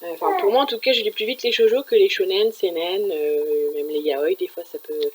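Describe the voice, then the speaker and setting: A woman's voice: fairly low pitch, moderate pace, darkish tone, slight background noise, low-quality recording. A woman talking casually about her week's manga reading, chatty and full of fillers and restarts. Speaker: manga reviewer. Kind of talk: casual chat.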